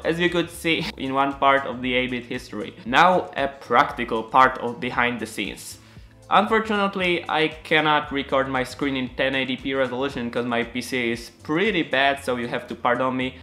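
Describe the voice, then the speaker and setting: A young Polish man, an animator and channel creator, gives earnest, casual narration about how his work was made. His mid-range voice has a fairly bright tone, and his second-language delivery is slightly halting and full of fillers.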